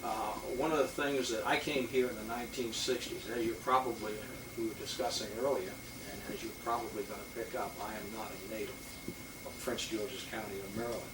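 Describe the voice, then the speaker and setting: A man's voice: lowish voice, steady tone, a little fast. Man rambling through a history talk. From Boston, Massachusetts. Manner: rambling, many fillers and restarts. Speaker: police lieutenant giving a talk. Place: historic house meeting room. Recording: roomy, distant mic with loud hiss.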